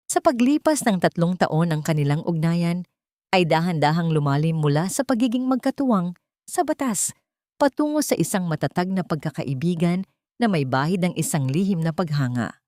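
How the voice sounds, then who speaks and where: In clean, dry studio sound, a woman with a Filipino accent reads a dramatic scripted story as narrator. Her voice sits low and is a little mellow.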